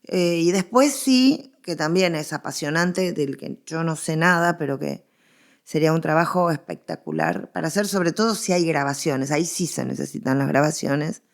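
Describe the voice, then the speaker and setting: Her voice is low-pitched and gravelly, moving at a moderate pace. She's a middle-aged Rioplatense Argentine woman appearing as an expert in a conversational interview, making emphatic points and drifting into tangents.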